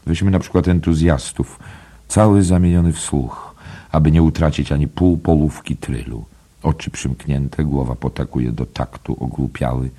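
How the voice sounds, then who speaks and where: A man reading literary prose aloud as an audiobook narrator, slow and measured, moving between hushed and raised tones. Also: rumbling low, slightly rough.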